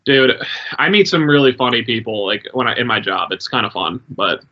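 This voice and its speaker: A man co-hosting a podcast, telling stories in animated, casual chat and swearing freely. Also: medium pitch, brisk, muffled recording. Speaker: podcast co-host.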